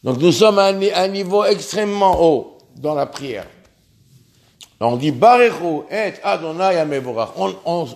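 A man with an unusually high-pitched voice delivers a religious lesson. He speaks earnestly, pressing hard on key words, and often breaks off to restart or repeat himself mid-thought. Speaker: religious teacher.

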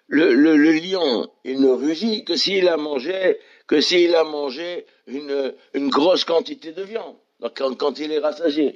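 A man of middle pitch leads a Talmud lesson. He reads passages aloud and explains each one, often circling back over his own words as he goes. The recording is dull and lo-fi. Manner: reads Hebrew and Aramaic then explains in French, with many restarts. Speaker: Torah teacher.

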